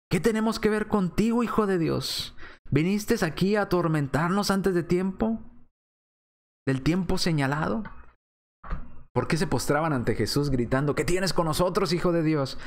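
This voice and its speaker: A man preaching a sermon, posing rhetorical questions and reading scripture aloud. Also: mid-range voice.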